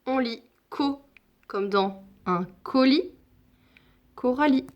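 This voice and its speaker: Slow-speaking woman teaching phonics. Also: medium pitch, dull audio. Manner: slow, deliberate, repeats sounds and example words. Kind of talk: phonics lesson for young children.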